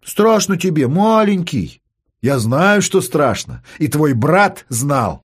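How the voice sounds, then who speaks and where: A man's voice: fairly high pitch, slow, husky, exaggerated voice. Man playing a cold taunting psychologist. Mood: coolly taunting. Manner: calm, mocking, taunting. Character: cold, provocative male psychologist.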